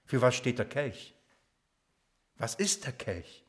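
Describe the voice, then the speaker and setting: Ein Mann, der vor einer Gemeinde predigt, lebhaft und mit Fragen an die Zuhörer, wird für Betonungen oft leise. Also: male voice, mid-range voice, slow. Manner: lively preaching, drops to quiet emphatic lines, asks the congregation questions. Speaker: preacher. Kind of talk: sermon.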